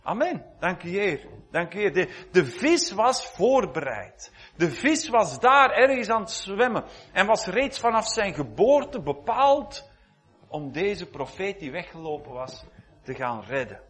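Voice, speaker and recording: High-voiced preacher clearing his throat. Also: very animated, unhurried, a bit bright. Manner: conversational, reflective, repeats words, often clears throat. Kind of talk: sermon.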